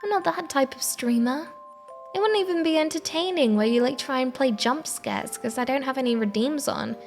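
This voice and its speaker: A sleepy woman rambles softly and casually to her livestream. Her voice is fairly high, with a lot of creak in it. Gentle music plays behind her. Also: moderate pace. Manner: sleepy, soft and meandering. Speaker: live streamer. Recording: soft background music. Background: quiet background music.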